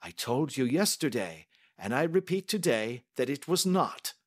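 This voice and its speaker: A man's voice: mid-range voice, big pitch swings. A man playing a stern, composed detective. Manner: measured and authoritative. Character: calm, stern, self-assured male detective.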